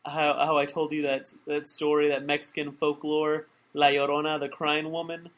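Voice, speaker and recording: A young man with a fairly high voice co-hosts a casual podcast. He recaps scenes with animated energy and slips into quick acted-out lines of dialogue. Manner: animated storyteller, acts out quoted lines. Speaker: podcast co-host. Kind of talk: casual chat recapping TV episodes.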